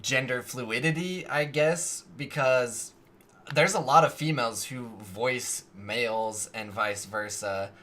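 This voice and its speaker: A male podcast host muses out loud in a relaxed, tentative way, at an average pitch for a man. Faint ambient noise sits under his voice. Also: takes it slowly. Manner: musing, tentative phrasing. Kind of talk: casual podcast chat.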